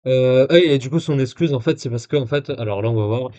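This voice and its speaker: A man's voice: medium pitch, a little fast, mellow. A man live-streaming, reading messages aloud and commenting in a casual, rambling way with lots of fillers and sarcastic asides. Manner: casual, rambling with many fillers and self-corrections.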